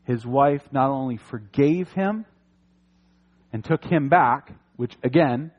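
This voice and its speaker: A man preaching a sermon in an animated, conversational way, with jokey asides. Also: mid-range voice, slow pace, lo-fi sound. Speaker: pastor.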